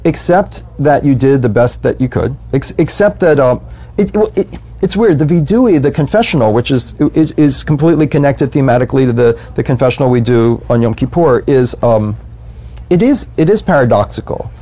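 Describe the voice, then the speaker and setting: Earnest rabbi with a mellow voice. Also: male voice, medium pitch, lively intonation, normal speed. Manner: earnest, slips into quoted voices while telling stories. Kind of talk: reflective conversational chat.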